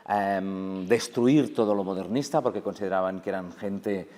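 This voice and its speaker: A man with a fairly low voice explains words and their sounds in a relaxed interview, laughing easily and checking in with his listener. His voice carries the long reverb of a large museum hall. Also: normal speed. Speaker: guest professor of Catalan. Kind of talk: casual interview chat.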